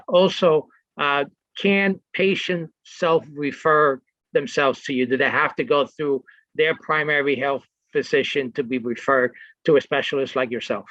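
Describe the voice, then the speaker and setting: A man's voice: a little high, sharp tone, no room sound, lo-fi sound. Dry-sounding, hesitant male host. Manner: hesitant, many fillers and restarts. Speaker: TV talk show host. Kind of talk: interviewing a guest.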